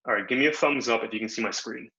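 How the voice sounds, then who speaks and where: A man's voice: medium pitch, racing, bright, forceful tone. A young man from Bangladesh giving a casual, upbeat online workshop talk over a video call, full of slang and fillers. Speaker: workshop presenter. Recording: dull lo-fi video call audio.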